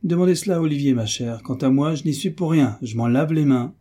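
A man's voice: fairly high pitch, a little fast, dark tone, pitched above the performer's own voice. A man doing a blustering old sailor uncle. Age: older. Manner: gruff and bluster, easily cowed.

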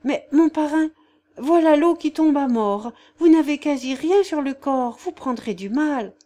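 A woman reading an audiobook puts on an innocent young peasant girl, her voice raised brighter than the narration yet still mellow. She speaks in artless, rustic phrases, earnest and devout. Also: high voice, expressive, measured pace, pitched above the performer's own voice. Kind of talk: audiobook character voice.

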